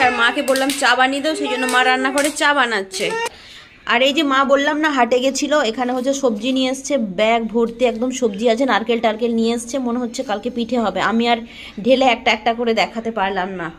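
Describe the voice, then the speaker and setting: A woman's voice: a little high, fairly even intonation, quick pace, a bit bright. A woman with a West Bengal Bengali accent, chatting homely to viewers while filming her family home on a handheld phone. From West Bengal, India. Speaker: family vlogger. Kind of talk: casual vlog narration. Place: family home, indoors and on a rooftop.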